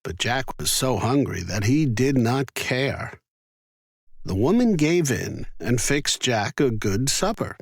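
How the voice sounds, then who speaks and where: Telling a children's fairy tale, a male storyteller moves at a slow, careful pace, his mid-pitched voice very animated and rising and falling with expression. The recording is dry and close, without echo.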